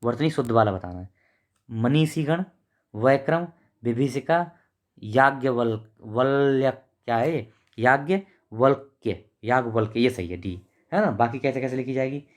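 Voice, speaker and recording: A man teaching an exam-prep lesson, reading each option aloud, correcting the spelling and trailing off quietly as he closes each answer. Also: medium pitch, expressive, normal speed.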